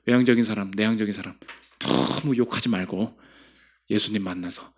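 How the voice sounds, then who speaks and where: A man, a pastor, preaching a sermon. He reads scripture quietly and lower, and rises to loud emphasis on key lines. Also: fairly quick, breathy edge.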